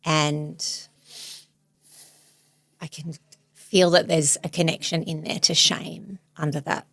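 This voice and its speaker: A woman in her forties, a therapist hosting a podcast, speaking thoughtfully and searchingly in a soft, reflective way. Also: deep voice, little pitch movement, slow, vocal fry, no echo. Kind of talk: reflective therapy demonstration chat.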